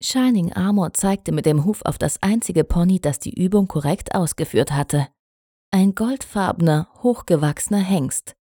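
Lady reading a kids story, low warm voice, calm, super dry mic. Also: moderate pace, slightly rough, dry recording. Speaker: audiobook narrator.

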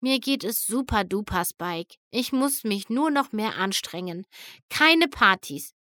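A woman's voice: mid-range voice, expressive, a little slow, bright, forceful tone, no echo. A woman reading a storybook, voicing a bubbly young female pony with a bouncy, upbeat manner. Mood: forced cheer.

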